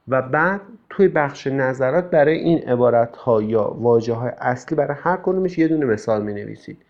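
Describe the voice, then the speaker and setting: A male English teacher calmly explaining course tasks to students, with frequent fillers. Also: medium pitch. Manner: calm, explanatory, with many fillers. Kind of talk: recorded class instructions. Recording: dull lo-fi recording.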